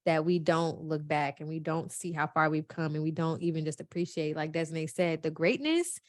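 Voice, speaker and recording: A woman's voice: low-pitched, moderate pace, dry recording. A woman, talking in a heartfelt, emotional way, close to tears. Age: 20s. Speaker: podcast co-host. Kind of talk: casual chat.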